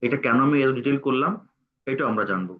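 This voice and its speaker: A man's voice: mid-range voice, slight background noise. A man, teaching a tutorial and dictating word by word as he types. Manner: halting, dictates word by word while typing. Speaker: instructor. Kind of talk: screen-recorded tutorial. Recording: tinny phone-like sound.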